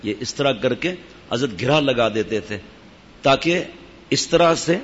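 A man's voice: medium pitch, lively intonation, fairly bright tone, a little hiss or hum. A man, a sheikh speaking to his disciples, gives an informal religious talk in a conversational way, breaking off now and then for asides to his listeners. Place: gathering in a Sufi lodge. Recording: dull, echoey hall recording.

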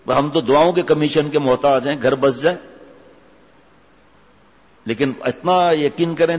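A man's voice: on the high side, darkish tone, breathy edge. Emphatic man preaching in an echoing hall. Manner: emphatic, rhetorical, scolding. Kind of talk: sermon. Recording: dull audio with long hall reverb.

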